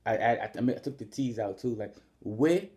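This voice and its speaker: A man's voice: medium pitch, steady tone, a little mellow. A young man hosting his own vlog, chatting casually and slangily to viewers, repeating and drawing out words as he explains things. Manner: laid-back, repetitive, slangy, drawn-out spelling of his name. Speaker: vlogger, channel host. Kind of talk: casual direct-to-camera chat.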